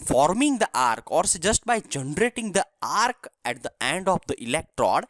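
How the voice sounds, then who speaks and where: A man's voice: a little high, big pitch swings, normal speed, a bit bright, dry recording. A man from India giving a recorded engineering lesson, explaining step by step and checking in with "right?". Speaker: engineering lecturer. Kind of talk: recorded technical lecture.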